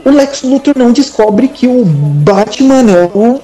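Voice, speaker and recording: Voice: medium pitch, big pitch swings, unhurried, warm tone. A Brazilian co-host with São Paulo slang, explaining comics in casual chat, full of fillers like "tipo" and "sabe". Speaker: podcast co-host.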